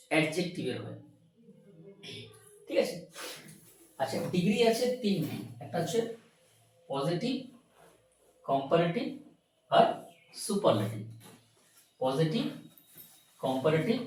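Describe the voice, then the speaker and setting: A man teaching an English grammar lesson, asking questions, answering them himself and repeating words slowly. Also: sits high, a little mellow, far from the mic, slight background noise. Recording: very echoey room, recorded from afar.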